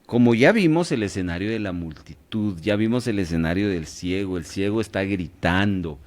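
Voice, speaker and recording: A man with a low voice leads a radio Bible class, his pitch swinging up and down as he quizzes his listeners. he keeps stopping to check that they are following before moving on. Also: lively intonation, moderate pace, darkish tone. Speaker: Bible study teacher.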